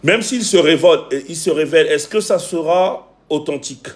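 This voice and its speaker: A man with a Cameroonian accent and a fairly high voice speaks at normal speed while hosting a livestream. Coaching viewers on relationships, he preaches emphatically, repeats phrases for effect, and welcomes commenters.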